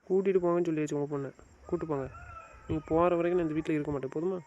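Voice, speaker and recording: A man playing a bitter son-in-law in an amateur drama, clipped and flat. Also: a little high, very fast, natural voice. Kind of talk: amateur web drama acting. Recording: muffled recording with faint noise.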